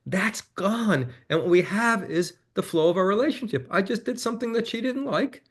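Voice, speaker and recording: A man, a guest on an interview, telling a personal story in a candid, reflective way and growing animated as he quotes his own conversations. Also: high-pitched, normal speed, breathy edge.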